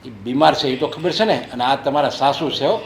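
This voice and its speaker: A man's voice: mid-range voice, fairly quick, vocal fry, roomy sound, slight background noise, natural voice. An actor playing a blunt, superstitious father-in-law who scolds his family, in a short drama. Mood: stern. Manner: scolding, lecturing.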